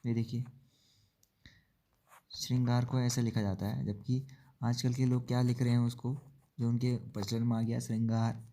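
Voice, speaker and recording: A man teaching an exam-prep spelling lesson, explaining slowly, repeating words and asking checking questions. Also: mid-range voice, little pitch movement, mellow. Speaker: Hindi teacher.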